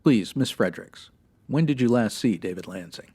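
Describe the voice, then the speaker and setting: An actor playing a stern, by-the-book 1950s police sergeant in a comic radio drama, formal, deadpan and clipped. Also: male voice, medium pitch, moderate pace, slightly rough. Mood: exasperated. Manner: deadpan, formal, matter-of-fact.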